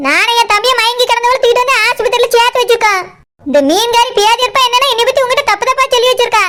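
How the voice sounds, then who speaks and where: A woman plays a quick-tempered village house owner from a cartoon who argues with everyone. She talks with a Kanyakumari Tamil accent. Her very high, bright voice fires off sharp, indignant retorts. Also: steady tone.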